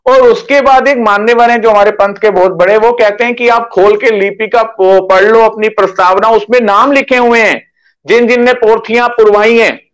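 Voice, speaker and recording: A man's voice: sits high, steady tone, moderate pace, a bit bright, clear, resonant tone, low-quality recording. A man giving an earnest sermon, turning to address elders in the audience. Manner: earnest, addresses elders directly, mixes Hindi and Marathi. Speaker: religious preacher.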